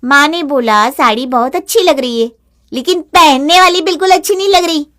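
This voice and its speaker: Woman doing a bratty mocking teen girl, high voice, taunts nonstop, cartoon story. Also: moderate pace, fairly bright tone. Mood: taunting. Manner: taunting, insolent. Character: rude, mocking teenage sister-in-law. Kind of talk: animated storybook voice acting.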